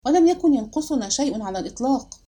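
A woman voicing a gentle, hesitant young wife who speaks softly and quietly. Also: sits high, lively intonation, quick pace. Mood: tender. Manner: soft, hushed delivery.

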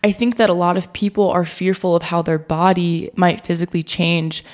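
A woman's voice: fairly low pitch, fairly even intonation, moderate pace, darkish tone. A woman hosting a wellness podcast, talking earnestly in a conversational interview and quoting herself with animation. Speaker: podcast host.

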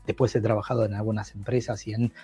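Speaking fast with a flat delivery, this middle-aged Brazilian podcast guest uses a lowish, mellow, slightly rough voice. He converses in Portuguese during a relaxed interview, full of enthusiasm but rambling and starting his sentences again and again.

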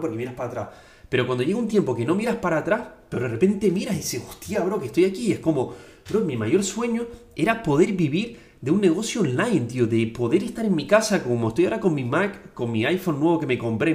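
A young man from Tenerife in his twenties, talking excitedly in a casual motivational vlog and dropping slang fillers as he goes. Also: a little high. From Tenerife, Spain. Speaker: online coach and affiliate marketer. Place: indoors at home. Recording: echoey room.

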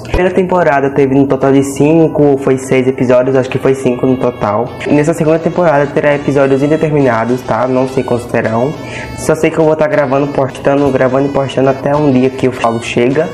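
A man with a Brazilian Portuguese accent hosts a casual podcast in a loose, chatty way. He keeps tagging his sentences with quick checks to the audience. Faint music plays underneath. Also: mid-range voice, a little mellow. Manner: chatty, repeats "tá?" often. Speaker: podcast host.

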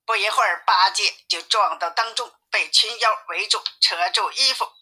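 Bright-voiced woman reading a storybook. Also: mid-range voice, normal speed, slightly rough. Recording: tinny phone-like sound.

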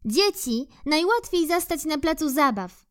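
A woman voicing an eager, persistent female squirrel in a children's storybook reading, in a high, bright, coaxing voice. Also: expressive, unhurried. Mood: chatty.

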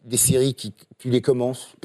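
A man's voice: mid-range voice, little pitch movement, moderate pace, warm tone. A man, a voice actor, telling anecdotes in a casual, rambling way with many hesitations. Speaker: voice actor guest.

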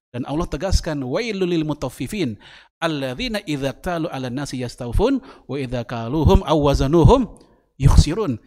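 A man preaching a sermon to a congregation, mixing quoted scripture with casual slang and joking asides. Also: a little high. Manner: lively, jokey, switches between Arabic quotes and casual slang.

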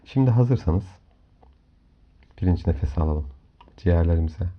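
A man hosting a guided hypnomeditation in a calm, soft, soothing voice, giving measured instructions with long pauses. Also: deep voice. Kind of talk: slow guided meditation narration. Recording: dull lo-fi audio under music. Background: clear background music.

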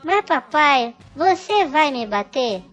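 Woman playing a timid little boy, very high whiny voice, slow pleading, comedy sketch. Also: big pitch swings, a bit bright, dull audio, soft background music, exaggerated voice. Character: timid curious little boy asking his parents.

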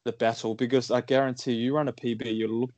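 A man's voice: medium pitch, level tone, quick pace, a little mellow, no echo. A man giving his opinions on running in a casual podcast chat, rambling and using "like" a lot. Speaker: runner guest.

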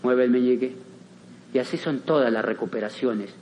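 A man's voice: medium pitch, moderate pace, darkish tone, a little hiss or hum. A man giving a motivational business talk, theatrical, acting out little dialogues and repeating phrases for emphasis. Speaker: motivational speaker.

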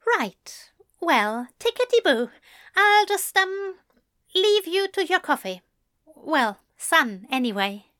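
Flustered gentle gent, high and fluttery, read by a woman. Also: big pitch swings, slow pace, heavily acted. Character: fussy, flustered gentle middle-aged man.

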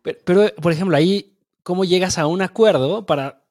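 A man's voice: sits high, a little fast, darkish tone, dry recording, clean studio sound. A man in casual chat, asking long, searching questions with many restarts.

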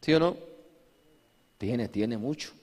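A man's voice: mid-range voice, animated, slow pace, darkish tone, long reverb tail. A man preaching a sermon as pastor, firing rhetorical questions at the congregation and acting out short asides.

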